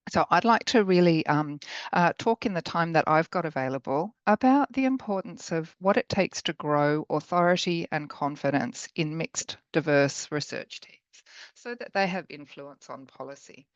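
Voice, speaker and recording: A middle-aged woman with a croaky, hoarse voice gives an informal, thoughtful conference talk as a researcher. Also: low voice, animated, moderate pace, no room sound. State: hoarse after illness. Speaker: academic researcher giving a talk. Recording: dull lo-fi call audio.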